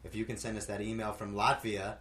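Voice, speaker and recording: A man with a very deep voice co-hosts a casual podcast and a faint hiss sits under him. He answers listener questions slowly and thoughtfully, hesitating often and landing dry quips. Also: little pitch movement, fairly bright tone. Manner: thoughtful, hesitant with many fillers, dry humor. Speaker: podcast co-host.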